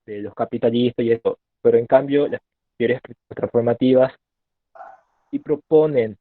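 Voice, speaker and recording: A male student speaking up in an online class over a choppy connection that cuts out, hesitant and halting with many fillers and restarts. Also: medium pitch, no echo. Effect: choppy online call connection, cutting out. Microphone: video call. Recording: tinny, dry call audio.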